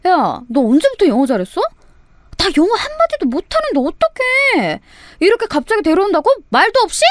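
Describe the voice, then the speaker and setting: A woman voicing a flustered young female friend who blurts out quick, startled questions in a radio story. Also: sits high, sing-song, mellow, no room sound, clean studio sound. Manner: fast, flustered exclamations.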